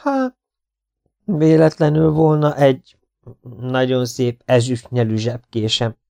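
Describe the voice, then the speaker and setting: A jittery partisan who yelps warnings and pleads nervously, as a male audiobook reader puts him on. His voice rides high and strained above the reader's own. The recording is close and dry. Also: gravelly, no room sound, natural voice. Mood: reluctant. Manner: high, anxious, shouting warnings. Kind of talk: audiobook character voice.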